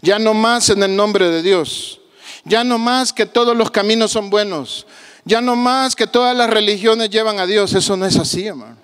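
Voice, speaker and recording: A male pastor with a Guatemalan accent preaching a sermon emphatically, moving between low, confiding tones and raised exclamations, and acting out the voices of the people he quotes. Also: normal speed, fairly bright tone, clear, resonant tone, in a large hall. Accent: Guatemalan Spanish. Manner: acts out quoted voices of the people he tells about.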